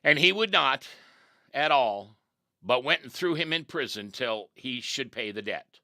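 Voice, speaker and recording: A man teaching as a pastor, reading scripture aloud and breaking in with lively, animated asides. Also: medium pitch, measured pace, no room sound, studio quality. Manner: reads scripture then comments, animated asides. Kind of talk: devotional teaching.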